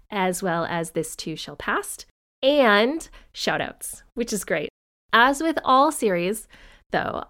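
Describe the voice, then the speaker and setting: A woman's voice: mid-range voice, fairly bright tone. A woman hosting a podcast in scripted narration with chatty asides, her voice stuffy-nosed and congested from a cold. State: under the weather with a cold. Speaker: podcast host.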